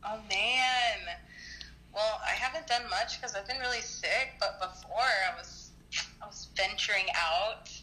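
A woman's voice: medium pitch, a little slow, sharp tone, rough recording. A woman in her early twenties, chatting casually on the phone, rambling with lots of "like"s and coughing now and then as she gets over an illness. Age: early 20s.

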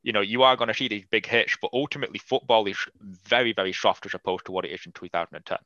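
A man with a bright, forceful voice talks football in a blunt, animated podcast chat, swearing freely. His tone sits a little low. The recording is dry and slightly dull. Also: fast, dry recording. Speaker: podcast guest. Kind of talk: casual sports podcast chat.

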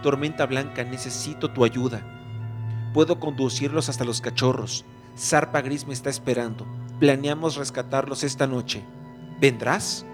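A quick-thinking young apprentice tomcat from an animal storybook, as a male narrator reads him, pressing his words with urgency. A music bed plays under the reading throughout. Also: mid-range voice, steady tone, lightly acted. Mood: urgent. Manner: urgent, planning delivery.

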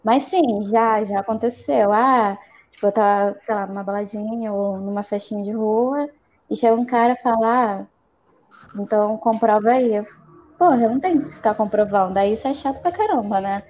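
A young woman with a Brazilian Portuguese accent, chatting earnestly and lively as a guest on a casual panel. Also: mid-range voice, muffled recording. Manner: earnest, lively, drawn-out phrases.

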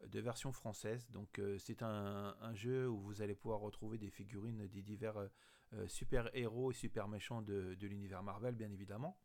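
Hesitant man with a gravelly voice. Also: on the low side, fairly even intonation, normal speed, a little mellow. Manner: hesitant, many fillers and restarts. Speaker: host. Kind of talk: casual spoken news roundup.

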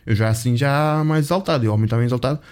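Man, European Portuguese accent, vlogger, casual storytelling, chatty, profane, mid pitch. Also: racing, darkish tone, clear, resonant tone.

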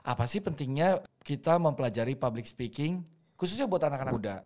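A man's voice: medium pitch, expressive, a little fast, darkish tone. A man hosting a casual podcast interview, prompting the guest with frequent "hmm" and "ya" replies. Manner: friendly, prompting, with lots of "hmm" and "ya". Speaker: podcast host.

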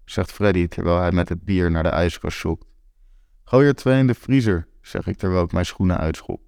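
A man's voice: low-pitched, vocal fry, a little mellow, no room sound, studio quality. A man in his twenties reading a first-person story aloud, candid and wry. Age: 20s. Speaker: narrator.

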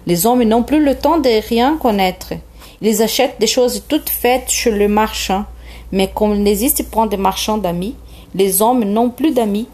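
A woman with Portuguese as her first language voicing a lonely, wise fox in a slow, gentle read-aloud of a storybook. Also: on the high side. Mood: earnest.

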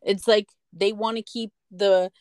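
A woman's voice: mid-range voice, fairly even intonation, unhurried, darkish tone, dry recording. An American woman co-hosting a podcast, talking in a rambling, emphatic way and swearing freely. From United States. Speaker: podcast co-host. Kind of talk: casual chat.

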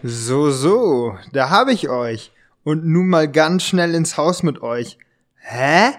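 In an amateur audio drama, a man plays a sly gentleman who interrogates intruders with mock sternness, speaking in a halting, drawn-out way. His voice is a little high and expressive, and the mood is menacing.

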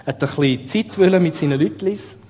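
A man's voice: a little high, fast, warm tone. A man preaching a sermon with a Swiss German accent, talking conversationally and asking his listeners rhetorical questions. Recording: long reverb of a large hall.

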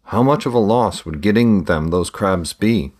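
Man doing a calm merchant's son. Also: fairly low pitch, normal speed, close to an everyday voice. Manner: calm, obliging.

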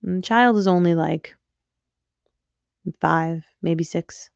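A woman's voice: on the low side, slow pace, creaky, darkish tone, no echo, lo-fi sound. A young adult woman hosting a podcast as a coach, speaking frankly in a casual reflective monologue and swearing now and then. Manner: frank and candid, occasional swearing.

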